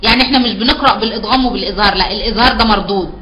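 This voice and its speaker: A woman's voice: medium pitch, racing, pushed and bright, poor audio. A woman with an Egyptian accent teaching a live online Quran recitation class, patiently explaining and repeating key terms back as questions. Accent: Egyptian Arabic.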